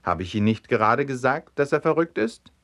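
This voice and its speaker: A man doing a brisk asylum attendant. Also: medium pitch, lively intonation, fairly bright tone, pitched above the performer's own voice. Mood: insistent. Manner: brisk, insistent. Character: insistent male asylum attendant.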